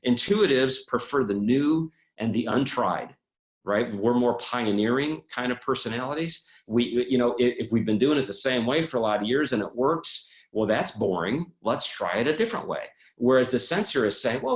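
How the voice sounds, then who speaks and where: A man presenting a personality-type webinar, telling personal stories in an animated way with many restarts. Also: mid-range voice, normal speed, roomy sound.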